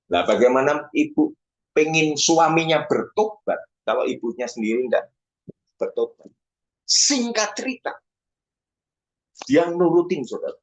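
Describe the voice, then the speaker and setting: Male preacher, lively sermon delivery, big pitch swings for emphasis. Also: dull audio. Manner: animated, swings pitch up for emphasis, keeps addressing listeners as "brothers".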